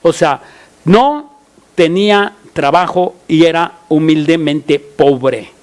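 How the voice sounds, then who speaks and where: A Mexican pastor with a fairly high voice preaches a sermon. He stumbles and restarts often, filling pauses, then cries out prayers at full voice. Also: lively intonation. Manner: halting, many fillers and restarts, cries out prayers loudly.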